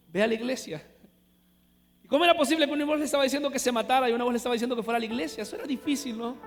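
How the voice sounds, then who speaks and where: A man with a Honduran accent preaching a sermon, telling a story and swinging from hushed lines to loud exclamations. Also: very high voice. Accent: Honduran Spanish. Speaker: pastor. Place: large church hall. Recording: live church hall reverb with music.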